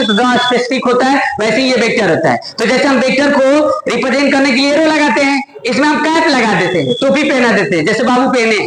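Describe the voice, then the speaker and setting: A man teaching math to a class, explaining step by step and teasing and scolding students, checking often that they follow. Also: extremely high pitch. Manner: scolding and joking with students, repeated check-ins. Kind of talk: classroom lecture. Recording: echoey classroom with student chatter.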